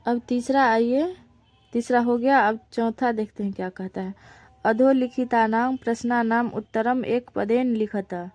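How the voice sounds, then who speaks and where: A woman teacher talks through a lesson at a very unhurried pace, patiently repeating each word so it can be practised. Her voice sits a little high, and the recording is close and dry. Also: a little mellow, no room sound, dull audio. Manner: slow, patient, repeats words for pronunciation drill. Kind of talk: Sanskrit lesson explained in Hindi.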